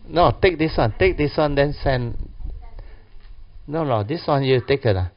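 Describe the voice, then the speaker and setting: A man's voice: medium pitch, expressive, measured pace. A man with a Malaysian or Singaporean accent teaching a class informally in colloquial slang English, with clipped phrases and tag particles. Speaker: Buddhist teacher. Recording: muffled, dull lo-fi audio.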